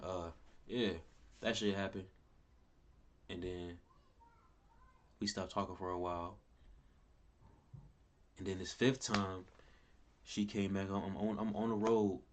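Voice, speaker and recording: A young man tells a rambling personal story for a casual story time vlog, recorded on a close-range camera mic with a little hiss or hum. His tone is steady and a little slow, with frequent pauses, repetition, and cursing. When he quotes or reacts, his pitch and loudness leap wildly higher and louder.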